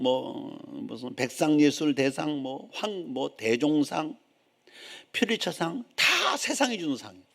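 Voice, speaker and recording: A middle-aged man preaching with a somewhat high, very animated voice. He drops to low, confiding asides, then surges into loud, raised exclamations, and mimics grumbling churchgoers for effect. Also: gravelly. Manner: acts out complaining believers in a raised voice. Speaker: pastor. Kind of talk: sermon.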